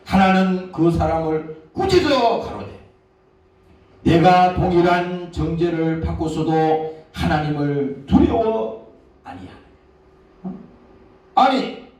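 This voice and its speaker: High-voiced pastor preaching in an echoey hall. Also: male voice. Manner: preaching with rhetorical questions and frequent "eh?" asides; shifts between loud scripture reading and quiet asides. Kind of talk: sermon. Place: church sanctuary. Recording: echoey church hall from far off, faint noise.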